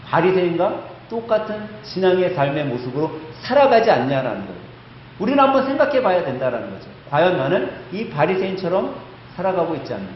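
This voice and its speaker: A male pastor with a high-pitched voice preaches a sermon in a church sanctuary, emphatically telling a story and posing rhetorical questions to the congregation. The echoey hall gives the recording a slightly dull sound, with slight background noise.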